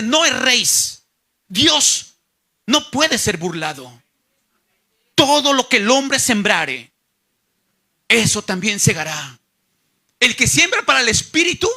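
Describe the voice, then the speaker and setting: A male pastor preaching a sermon with passion, swinging from hushed to emphatic. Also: very high-pitched.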